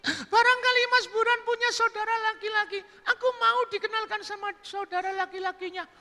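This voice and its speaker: A man voicing a coy, teasing young woman in a high squeaky falsetto, in a joking sermon story. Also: steady tone, fairly quick, bright, forceful tone, exaggerated voice. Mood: coy, pleading. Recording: echoey hall.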